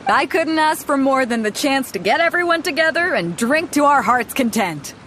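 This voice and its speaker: In a game cutscene, an actress voices a bold, hearty ship captain who is confident, easygoing, and quick to laugh. Her voice sits high and is animated and a bit bright at normal speed, with game music and slight background noise underneath.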